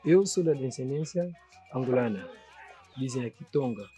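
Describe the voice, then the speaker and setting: Over music, a man from São Tomé and Príncipe speaks with a São Tomé Portuguese accent in a mid-range voice, lively in intonation and moderate in pace. A sculptor and painter, he talks earnestly and reflectively in a documentary interview, often checking that the listener understands.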